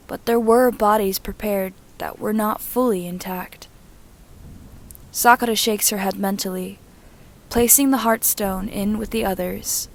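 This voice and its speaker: A woman reads fan fiction aloud as narrator, following a written script much like an audiobook. Her delivery is measured and descriptive, in a medium-pitched, mid-range voice with a darkish tone.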